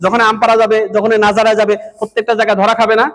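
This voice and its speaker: A man's voice: sits high, monotone, racing, fairly bright tone. A man, training madrasa teachers in a lecture and repeatedly quizzing his audience. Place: madrasa hall. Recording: echoey hall with long reverb.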